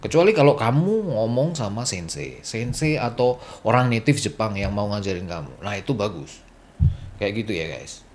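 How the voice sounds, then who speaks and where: A man from Indonesia giving casual spoken tips on learning Japanese, chatty and teasing, now and then slipping into playful gruff Japanese impressions. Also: fairly low pitch, sing-song, moderate pace, slight background noise. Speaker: Japanese language tips vlogger.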